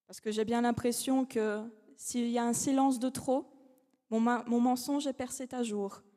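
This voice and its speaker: A young woman, a law student, gives a formal eloquence competition speech in French, not her native language, inside a large academic hall where her fairly high voice rings with long reverb. Her tone is steady and dark, her phrasing measured and dramatic with rhetorical pauses.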